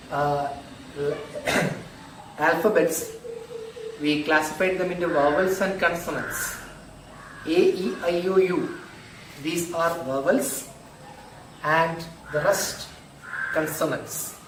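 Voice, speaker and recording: A male school teacher, slowly explaining grammar in an online lesson and repeating examples. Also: fairly high pitch. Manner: slow, repetitive, drills examples aloud. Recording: echoey room, distant mic, noisy.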